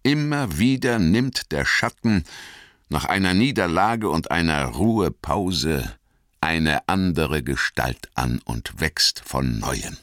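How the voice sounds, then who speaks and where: A man voicing an ancient male wizard, grave and wise, speaking slowly and solemnly in an audiobook reading. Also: very deep voice, expressive, fairly bright tone, no room sound, clean studio sound, heavily acted. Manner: slow, solemn storytelling.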